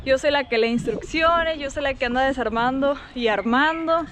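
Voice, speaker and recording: Telling casual vlog stories from her week, this young Mexican-accented woman has a high, fairly bright voice at normal speed. She's chatty and colloquial, voicing the conversations she recounts, over a faint hiss or hum.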